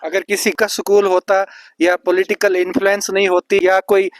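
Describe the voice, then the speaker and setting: A male news reporter conducts an interview in a higher register than most men. The recording is dry and close. He asks sharp, leading questions. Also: monotone, normal speed, no echo.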